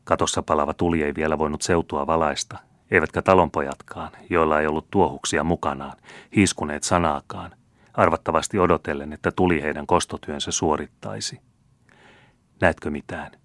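A man reading an audiobook in measured, even storytelling narration. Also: a bass voice, no room sound. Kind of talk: scripted narration.

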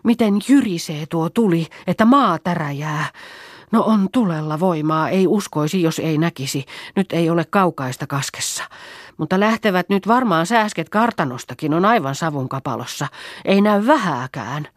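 A woman reading the part of a practical young peasant girl in an audiobook play, with a calm, reasoning delivery. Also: fairly low pitch, dry recording, clean studio sound. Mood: matter-of-fact. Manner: matter-of-fact, reasoning.

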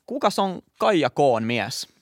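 A young man with a lively, bouncy voice, co-hosting a podcast. He teases his partner and tells crude jokes over a close, dry mic. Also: on the high side, no room sound. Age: young adult. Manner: playful, teasing, crude humor. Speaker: podcast co-host. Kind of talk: casual chat trading bad jokes.

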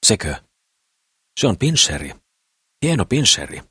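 A man's voice: on the low side, sing-song, pushed and bright, slightly rough, no echo, studio quality, pitched above the performer's own voice, exaggerated voice. A man voicing a jovial young businessman who laughs things off.

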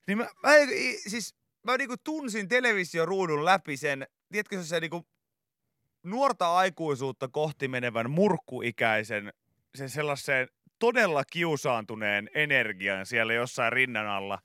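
A man's voice: fairly high pitch, expressive, bright, forceful tone, smooth, no echo, clean studio sound. A man hosting a morning radio comedy show, rambling through a story with hesitations and restarts. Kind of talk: comic morning radio banter. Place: radio studio.

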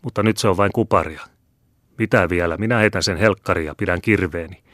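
A pragmatic army captain, musing and down-to-earth, read by a man. Low voice, dry close recording. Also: a bit bright, no echo.

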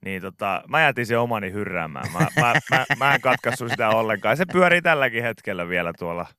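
A man's voice: on the low side, big pitch swings, pushed and bright, clear, resonant tone, no echo. A male morning radio host casually telling an anecdote in a rambling way, with many fillers, on a studio microphone. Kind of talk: casual studio chat, storytelling.

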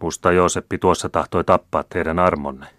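A man's voice: deep voice, fairly even intonation, a bit bright, no echo, studio quality. A man reading aloud the lines of an honest fisherman, who speaks plainly and eagerly. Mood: urgent.

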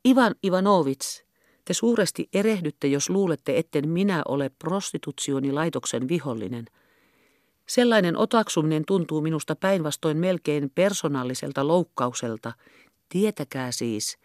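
A composed lady in a spoken storybook, soft and careful in her replies, as a woman reads her. The tone stays smooth and close in a dry setting. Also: deep voice, animated, no room sound. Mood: gentle. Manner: gentle, careful, measured. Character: composed, thoughtful Russian society woman.

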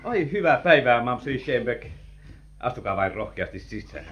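A sly, flirtatious gentleman, voiced by an actor who talks with big theatrical swoops, rising and falling all over. It sounds like a dull, lo-fi vintage radio recording. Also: mid-range voice, big pitch swings, heavy background noise, natural voice. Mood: smooth. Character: sly, flirtatious gentleman bearing news of an inheritance. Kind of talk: vintage radio play acting.

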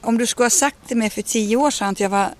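A woman, telling personal stories in a radio conversation and acting out the dialogue she quotes. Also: fairly high pitch. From Ostrobothnia, Finland. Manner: animated, acts out quoted dialogue. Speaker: interviewee.

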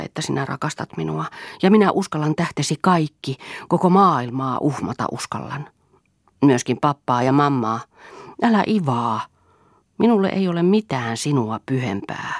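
A desperate, imploring young man begging for love, as a woman reader voices him. His voice is gravelly and husky, close and dry, with the melodramatic pleading of a storybook lover. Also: deep voice, no room sound, heavily acted.

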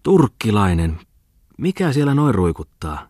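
A man's voice: on the low side, sing-song, darkish tone, no room sound, studio quality, voice pushed up. A man voicing a fat, drowsy male bookseller who grumbles from his bed, exclaiming and yawning. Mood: grumbling.

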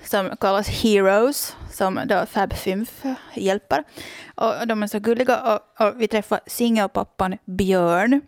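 A woman's voice: mid-range voice, fairly even intonation, dry recording, studio quality. A woman with a Finland Swedish accent, gushing enthusiastically as a podcast host in casual chat, with many restarts.

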